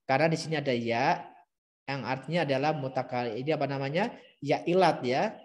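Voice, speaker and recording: A middle-aged man teaching Quran recitation in a live-streamed lesson, patiently explaining rules and modeling the verses in slow, drawn-out chanting. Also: medium pitch. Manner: explains patiently, repeating key terms.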